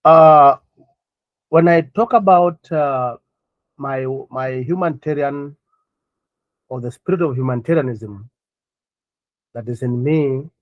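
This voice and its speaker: A middle-aged man from Kenya speaks over a video call, earnest and measured, pausing often to gather his words. The audio is slightly muffled and dull. The sound is dry, with no room echo. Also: mid-range voice. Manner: earnest, measured, with frequent "uh" pauses. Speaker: guest, NGO founder. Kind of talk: remote interview.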